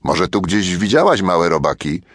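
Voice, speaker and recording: A man's voice: deep voice, very animated, normal speed, fairly bright tone, breathy edge, dry recording, clean studio sound, full character voice. A man voicing a bossy, impatient young boy in a children's audiobook. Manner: impatient, scolding.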